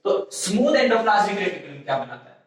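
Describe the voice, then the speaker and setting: A man's voice: high-pitched, big pitch swings, fast talker, distant mic. Man teaching in a very echoey room. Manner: repetitive call-and-response questioning, frequent self-corrections. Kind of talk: classroom biology lecture in Hindi-English mix.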